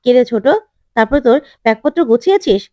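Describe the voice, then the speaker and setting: A woman's voice: on the high side, expressive, fast talker, a little mellow, no room sound, close to an everyday voice. A woman voicing a sly, needling old grandmother in a retold serial.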